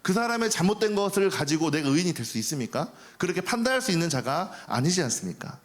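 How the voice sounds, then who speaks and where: A man's voice: high-pitched, sing-song, fast talker. A man preaching a sermon as pastor, talking to the congregation in a conversational way, asking rhetorical questions and acting out the angry words of the people in his stories. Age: young adult. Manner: acts out quoted angry speech.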